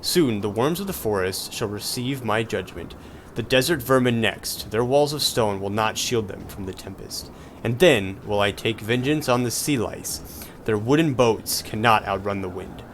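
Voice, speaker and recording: A man's voice: fairly low pitch, lively intonation, normal speed, slight background noise. A man voicing a haughty, wrathful goddess villain from a video game, reading the lines in a grandiose, menacing way. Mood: vengeful. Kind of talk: reading game dialogue aloud dramatically. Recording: game music behind.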